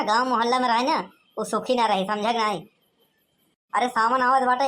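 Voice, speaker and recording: Woman, high voice, Awadhi accent, cartoon comedy dialogue, brash teasing village banter. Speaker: cartoon voice performer.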